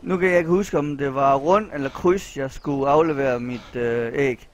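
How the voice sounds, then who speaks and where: A Danish-accented man commenting on his own gameplay, muttering anxiously to himself and now and then breaking into loud yelling. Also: mid-range voice. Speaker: gaming channel host.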